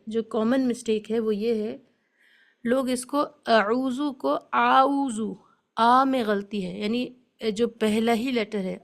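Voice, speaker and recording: A woman teaching Quran recitation in an online lesson, explaining each sound and modelling it slowly, with English words mixed into her speech. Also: on the high side.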